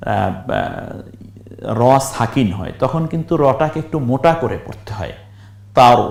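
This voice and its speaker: Spelling out words syllable by syllable and chanting them, a male Quran reading teacher moves slowly and asks his viewers questions in this recorded lesson. He has a medium-pitched, slightly mellow voice, and the audio sounds roomy.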